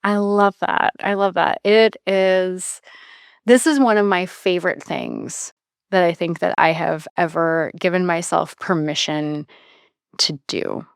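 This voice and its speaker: A woman's voice: lowish voice, fairly even intonation, unhurried, creaky, clear, resonant tone, no room sound, studio quality. A woman in her thirties hosting a podcast, talking in a reflective, chatty way that often trails off and restarts. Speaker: podcast host. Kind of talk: casual podcast conversation.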